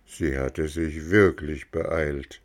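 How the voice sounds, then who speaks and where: A man reading a children's storybook aloud in a calm, measured way. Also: rumbling low. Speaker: narrator.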